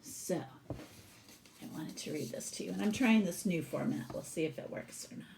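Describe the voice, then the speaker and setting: This teacher's voice is lowish, gravelly and a little mellow, with a slight hiss or hum in the recording. She gives a children's story an expressive reading, breaking off informally to explain the pictures to those listening.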